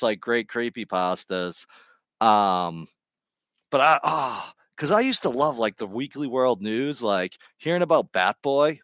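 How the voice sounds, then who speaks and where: A man chatting casually on a vlog, rambling from topic to topic with deadpan, jokey humor, speaking into a Bluetooth microphone. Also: medium pitch, clear, resonant tone, no room sound, dull audio. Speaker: vlogger.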